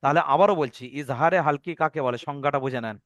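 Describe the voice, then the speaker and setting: A man's voice: on the high side, fast, a bit bright, dry recording, studio quality. A man teaching Quran recitation rules in an online lesson, patiently repeating each rule and checking that his students follow.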